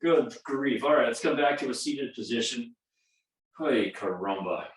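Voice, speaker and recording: This man in his fifties, with a lowish voice, teaches a guided yoga class and stretches out his instructions. He pokes fun at himself and chuckles at his own jokes. The distant mic leaves his voice off-mic in an echoey room.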